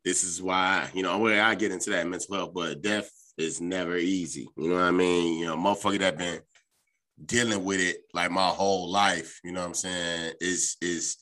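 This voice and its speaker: A man's voice: sits low, fairly even intonation, moderate pace, bright, forceful tone. A man hosting a podcast, talking casually and bluntly in heavy slang with lots of swearing. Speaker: podcast host. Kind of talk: casual, profane podcast rant.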